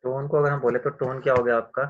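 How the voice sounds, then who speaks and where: A man teaching a class over a video call, explaining slowly and answering his own questions. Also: medium pitch, level tone, phone-quality sound. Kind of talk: online class lecture.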